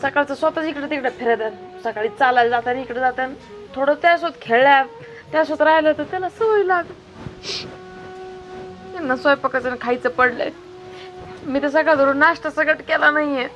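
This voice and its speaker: A woman's voice: high voice, brisk, lo-fi sound. A young woman playing an exhausted, tearful mother overwhelmed by her baby in a comic family sketch. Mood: complaining. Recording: loud background music.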